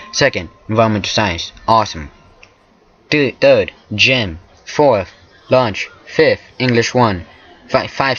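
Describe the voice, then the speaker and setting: Man, fairly low voice, let's play narration, reads game text, joking asides, stumbles, dull lo-fi recording. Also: fairly bright tone. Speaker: gamer reading a visual novel aloud.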